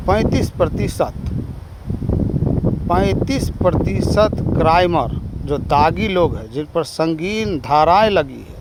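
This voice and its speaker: A man's voice: a little high, very noisy. A man delivering an impassioned, indignant political monologue, full of rhetorical questions and long lists. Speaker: political commentator.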